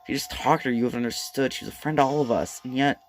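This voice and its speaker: A man's voice: medium pitch, racing, soft background music. A man streaming, reading manga narration aloud plainly.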